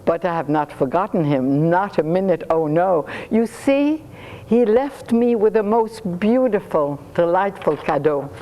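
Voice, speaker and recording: A woman storyteller reading her own stories in rhyming verse, lively and playful. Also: on the low side, normal speed, few pauses, poor audio.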